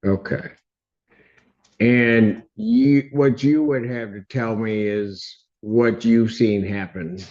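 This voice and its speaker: A man's voice: on the low side, slow pace, darkish tone. A man presiding as judge, firmly questioning and cutting in with repeated "ma'am". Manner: firm, interrupts with repeated "ma'am". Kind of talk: courtroom questioning. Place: courtroom. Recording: dull courtroom audio.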